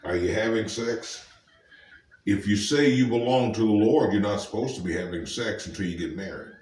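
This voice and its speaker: A man's voice: fairly low pitch, moderate pace, a little mellow, reverberant, distant mic. A man preaching informally to camera, emphatic and firing rhetorical questions at the listener. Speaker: street preacher.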